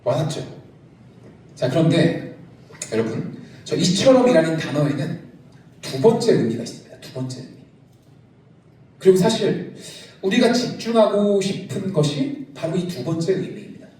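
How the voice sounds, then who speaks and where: A middle-aged male pastor preaching a youth service sermon in a large church sanctuary, lively and joking with the congregation. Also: high-pitched, moderate pace, pauses often. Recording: echoey church hall, from a distance.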